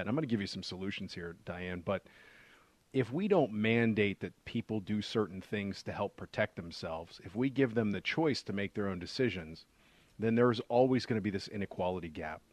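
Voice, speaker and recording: A man's voice: lowish voice, no room sound. A man giving a conversational explanation as a financial adviser on a radio show, using rhetorical questions and repetition for emphasis.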